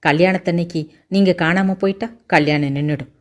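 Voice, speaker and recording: A woman's voice: lowish voice, brisk, natural voice. A woman voicing a nervous, polite young man pleading on his sister's behalf in a Tamil audiobook. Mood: eager. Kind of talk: audiobook character voice.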